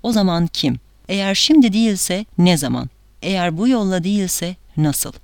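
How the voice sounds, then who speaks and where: A woman's voice: on the low side, lively intonation, normal speed, darkish tone, dry recording, clean studio sound. A woman reading as a solemn, commanding divine voice. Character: commanding voice of God to a priest.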